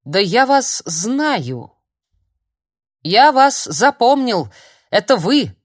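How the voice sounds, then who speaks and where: A woman voices a nervous old man, shrill and menacing, who grumbles before shrieking threats in agitated, spluttering outbursts. Her delivery is sing-song at a moderate pace, recorded dry with clean studio sound.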